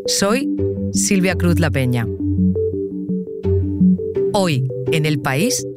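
A woman hosting a news podcast, reading a scripted narration with a Spain Spanish accent in a measured, even delivery. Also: deep voice. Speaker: podcast host. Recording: music bed under the voice.

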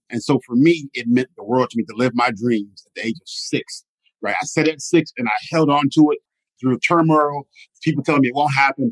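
A middle-aged man telling his life stories in an interview as a motivational speaker, animated and often asking "right?". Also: medium pitch, no echo, poor audio. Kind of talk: storytelling interview.

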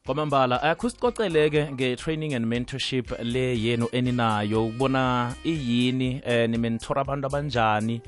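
A man's voice: medium pitch, a little fast, few pauses, faint music behind. A South African man hosting a radio talk show, presenting and interviewing.

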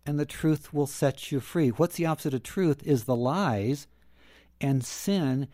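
A man with a mellow, slightly raised voice tells a story in a casual roundtable chat. His delivery carries a light sarcastic edge, and the studio sound is dry and close. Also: a little high, measured pace, no echo.

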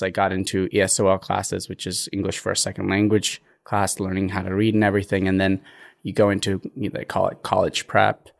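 Man, from Ethiopia, young adult, fry in the voice, earnest, reflective, podcast guest. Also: low-pitched. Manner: reflective, earnest, with frequent pauses and restarts. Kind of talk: conversational interview.

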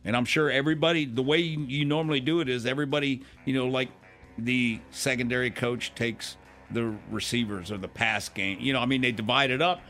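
A man's voice: mid-range voice, steady tone, a little fast, pushed and bright, faint music behind. A man co-hosting sports radio, giving casual football analysis.

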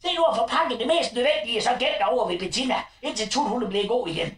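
A woman playing a crude, bossy middle-aged mother who shouts and rambles frantically at her grown son. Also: on the high side, lightly acted. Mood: scolding. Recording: echoey room, far from the mic.

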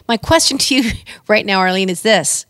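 A woman's voice: mid-range voice, normal speed, a bit bright, dry recording, clean studio sound. A Canadian woman co-hosting a podcast from her home kitchen, chatting casually and telling stories with playful asides. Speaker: podcast co-host. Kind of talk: casual chat.

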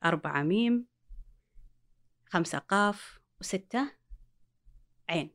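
A woman's voice: mid-range voice, lively intonation, slow pace, a bit bright. A woman, explaining reading step by step with examples as a guest. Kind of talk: explanatory talk show chat.

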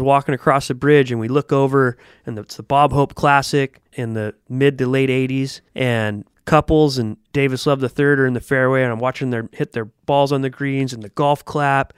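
A man co-hosting a golf podcast, talking in a blunt, profane, animated way. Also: mid-range voice, smooth, dry recording, studio quality. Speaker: podcast co-host. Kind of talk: casual chat.

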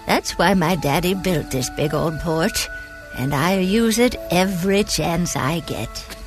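A woman playing a kindly, folksy, devout elderly granny in a gentle, unhurried bedtime sleep story. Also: lowish voice, music in the background. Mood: folksy, welcoming. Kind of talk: scripted sleep story narration in character.

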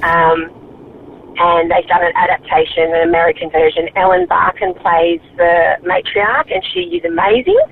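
An Australian woman leaves a voicemail from her car, heard over a tinny phone line. Her voice has a gravelly edge and swings widely in pitch as she hesitates and restarts. A faint hiss sits under the call. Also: sing-song, normal speed. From Victoria, Australia. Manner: hesitant, many ums and restarts. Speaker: caller leaving a voicemail. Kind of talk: phoned-in recommendation.

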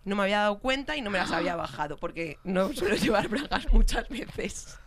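A woman with a Spain Spanish accent telling a story in casual chat, animated, swearing and laughing as she goes. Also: medium pitch, a little fast. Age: adult with a young child. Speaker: podcast co-host telling a story.

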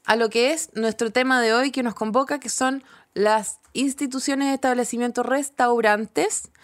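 A young woman with a Chilean accent chats on her podcast with a slightly high voice. She throws in quick, wry jokes as she talks. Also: steady tone. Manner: playful, wisecracking. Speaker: podcast co-host. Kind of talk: casual chat.

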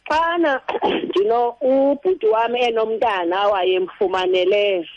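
A woman's voice: a little high, measured pace, a little hiss or hum. A woman with a Xhosa accent, calling in to a radio show to ask questions. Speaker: phone-in caller. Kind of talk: asking questions on a radio phone-in. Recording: dull phone-in line.

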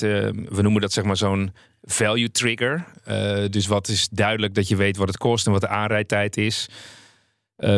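A man's voice: lowish voice, dry recording, clean studio sound. A man co-hosting a business talk show, asking long probing questions with many fillers. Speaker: co-host. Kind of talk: business interview.

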